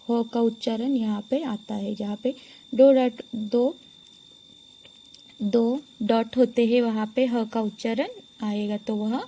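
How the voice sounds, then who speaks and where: A woman teacher giving a lesson to young pupils, slowly sounding out words one by one and repeating them for the class. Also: fairly high pitch, warm tone. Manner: slow, deliberate, repeats each word for pupils to follow.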